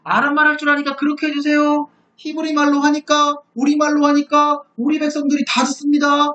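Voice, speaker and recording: A man's voice: very high voice, monotone, a little fast, sharp tone, voice pushed up. A nervous envoy begs politely in a raised, meek voice, as a male lecturer puts him on. The recording is dull and lo-fi, with echo from a lecture room. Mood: pleading. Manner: servile, pleading, overly polite. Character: timid, pleading male royal envoys.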